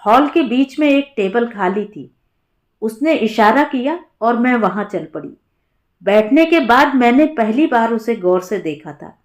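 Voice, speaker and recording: A woman narrating a story in the first person, in a calm, reflective storytelling manner. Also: fairly high pitch, measured pace.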